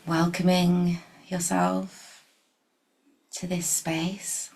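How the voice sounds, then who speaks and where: A woman leads a guided meditation softly, gently and without hurry, leaving long pauses and sometimes sinking toward a breathy whisper. Her voice is lowish and her tone level.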